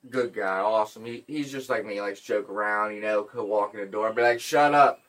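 A man hosting a podcast, telling stories in a casual, profane, animated way. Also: lowish voice, quick pace, distant mic. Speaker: podcast host.

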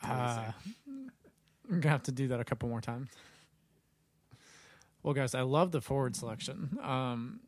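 A man's voice: mid-range voice, sing-song, unhurried, long pauses, dry recording. A young man co-hosting a casual podcast, upbeat and steering the talk between segments. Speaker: podcast co-host. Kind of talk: casual chat.

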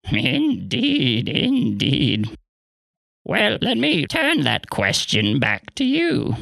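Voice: mid-range voice, huge pitch swings, very slow, creaky, a bit bright, no echo, exaggerated voice. A performer playing Rumpelstiltskin, an ancient male imp who speaks grandly, with archaic words and a sing-song delivery. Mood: theatrical. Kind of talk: in-character interview.

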